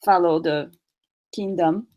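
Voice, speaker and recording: A woman guest who grew up in Morocco, talking in a casual chat with many pauses and restarts. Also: fairly low pitch, darkish tone, poor audio. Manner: hesitant, many ums and restarts.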